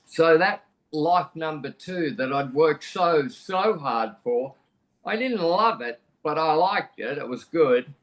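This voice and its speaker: A man's voice: on the high side, expressive, slow. Frank Australian man, slightly raised voice. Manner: conversational, frank, plain-spoken with frequent restarts. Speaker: podcast guest. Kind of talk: candid personal storytelling.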